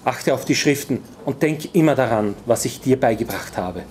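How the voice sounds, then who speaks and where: A man's voice: medium pitch, animated, normal speed, a little mellow, slight background noise, natural voice. A man reading aloud voices a middle-aged dragon-hunter father, tense and urgent.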